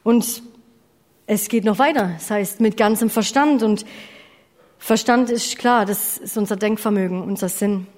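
This preacher is a woman with a darkish, mid-range voice and a measured pace. She delivers her sermon earnestly and directly, asking questions, correcting herself at times, and apologizing for slips, all in a long, reverberant hall.

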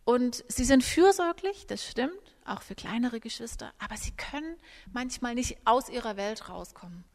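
A woman giving a live parenting talk to an audience, animated and acting out little scenes between parents and children. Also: on the high side, normal speed. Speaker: parenting speaker. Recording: reverberant hall.

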